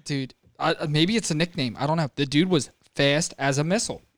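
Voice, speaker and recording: A man's voice: a little high, a little fast, dry recording, clean studio sound. A young man co-hosting a podcast in casual chat, teasing his friend and telling stories playfully. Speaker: podcast co-host.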